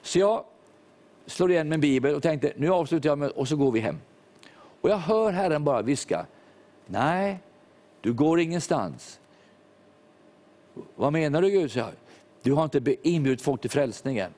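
A man's voice: a little high, lively intonation, warm tone. Older man preaching a sermon. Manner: storytelling, acts out quoted voices. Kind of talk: sermon testimony.

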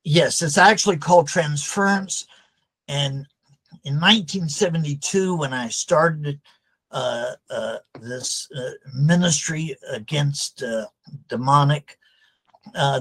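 An older man answering interview questions as a deliverance counselor, measured and hesitant with many fillers. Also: a little high, husky, poor audio.

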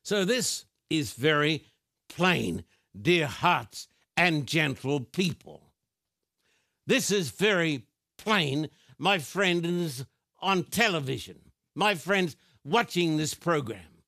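A man preaching a televised sermon from a studio, reading scripture slowly and deliberately and speaking directly to his viewers. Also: on the high side, expressive, creaky, pushed and bright, no echo. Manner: slow, deliberate, emphatic, addresses viewers directly.

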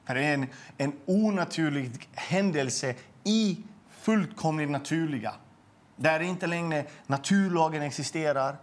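A middle-aged man telling a personal faith testimony in an earnest, emotional way, often repeating words and restarting his sentences. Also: a little high. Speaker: guest sharing a faith testimony.

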